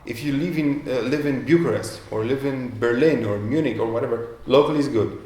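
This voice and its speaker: Speaking a little fast in a mid-range, darkish voice, a man from Romania fields questions as a guest entrepreneur during a live interview, often using fillers and starting over. The recording carries the echo and faint ambience of an event room.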